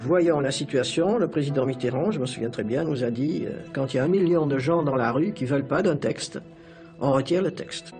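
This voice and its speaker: A man's voice: medium pitch, fairly quick, over music. A man recalling past events in an interview. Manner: recollecting.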